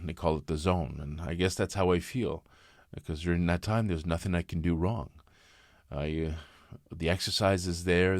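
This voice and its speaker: A man in his fifties talking candidly in a personal vlog, reflective and halting, often restarting his sentences. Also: deep voice, no room sound, studio quality. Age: 50s. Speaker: vlogger.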